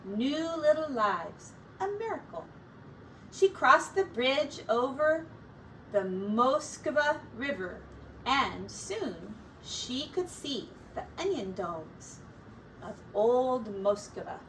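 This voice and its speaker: Taking her time like a teacher, a woman with a high voice reads a kids' story, shaping her phrases with deliberate expression for young listeners. Her pitch swings widely and her tone is a bit bright, while faint noise sits behind her and the mic is a little far away.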